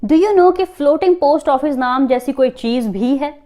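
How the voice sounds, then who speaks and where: An Indian woman hosting a fun-facts video. She reads the facts slowly in English and then chats quickly in Hindi. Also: high voice, animated, dark tone. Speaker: host. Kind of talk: fact-sharing video, scripted English and chatty Hindi.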